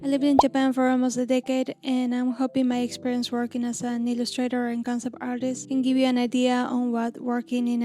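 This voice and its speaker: A woman in her thirties from Argentina, an illustrator narrating her own story in a gentle, reflective scripted voice-over. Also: fairly high pitch. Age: 30s. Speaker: illustrator and channel host. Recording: lo-fi music bed under voice.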